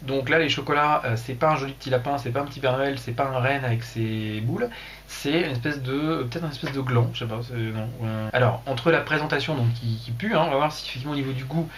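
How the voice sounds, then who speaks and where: A man with a medium-pitched voice hosts a casual livestream, rambling and making crude jokes into a computer mic. A little hiss or hum sits under the audio.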